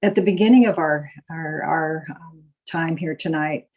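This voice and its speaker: A woman's voice: low voice, unhurried, darkish tone, poor audio. An older woman from Alaska hosting a live online gathering, speaking casually with many fillers as she shares stories. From Juneau, Alaska. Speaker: board director and panel host. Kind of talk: casual live-stream address.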